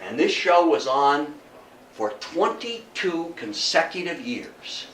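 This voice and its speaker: An older man lectures on history informally to an indoor audience, folksy in manner and posing rhetorical questions. His voice is a little high and fairly bright, very animated, and he takes his time. The sound is roomy and distant, with a trace of noise.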